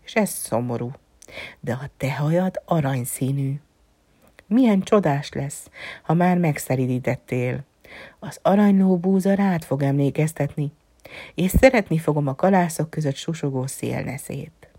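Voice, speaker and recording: A woman voicing a gentle, lonely male fox in a storybook reading, speaking softly and often sinking into a whisper. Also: low-pitched, lively intonation, slightly rough, no echo, exaggerated voice. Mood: musing. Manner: soft, musing, often dropping to a whisper.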